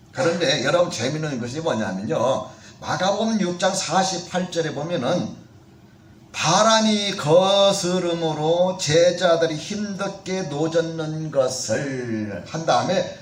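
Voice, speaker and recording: Male pastor, high voice, chatty sermon delivery, echoey room, a bit off-mic. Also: fairly bright tone, distant mic, a little hiss or hum. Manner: conversational preaching with questions to the congregation. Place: church sanctuary.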